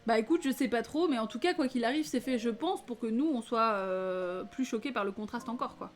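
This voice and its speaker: Chatty French-speaking woman, bright pitch. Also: brisk. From France. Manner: chatty, laughs often, many fillers. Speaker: film reviewer. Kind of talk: casual film debrief. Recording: faint music behind.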